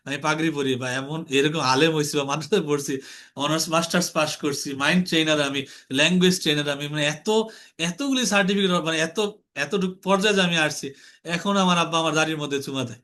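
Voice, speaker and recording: A young man leads an online lesson with a high, ringing voice. He talks earnestly, circles back over his points and calls on students to answer. His tone is bright and forward. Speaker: online class instructor. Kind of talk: informal teaching lecture. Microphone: online class call.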